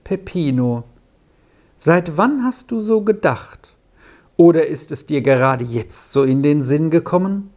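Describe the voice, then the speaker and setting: A storyteller voicing a gentle, loving mother in an audiobook reading, speaking in a soft, reassuring way. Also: medium pitch, lively intonation, takes it slowly.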